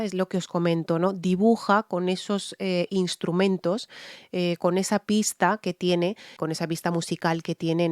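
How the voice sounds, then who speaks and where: In clean studio sound with no echo, a woman from Spain speaks with a lowish, darkish voice and a Spanish accent. Working as a vocal coach, she gives a frank, explanatory critique of a singer in a reaction video, regularly asking "¿vale?".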